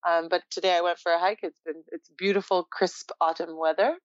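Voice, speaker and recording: A young woman from Poland, a guest in a casual interview, talking in a relaxed, reflective way and laughing often. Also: lowish voice, a little fast, dry recording, lo-fi sound.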